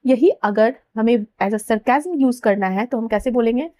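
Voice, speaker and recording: A woman gives a steady vocabulary lesson, patiently repeating meanings and checking in with students. Her voice sits a little high but sounds mellow. The recording is close and dry, with no room sound. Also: measured pace, no room sound. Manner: patient, repeats each Hindi meaning, checks in with "theek hai". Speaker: English vocabulary teacher.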